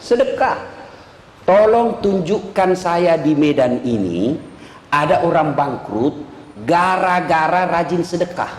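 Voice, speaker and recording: Male preacher, humorous sermon, high-pitched, booming echo of a large hall. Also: slow pace, a little hiss or hum. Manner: animated, jokes with the audience, rhetorical questions. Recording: echoey hall reverb.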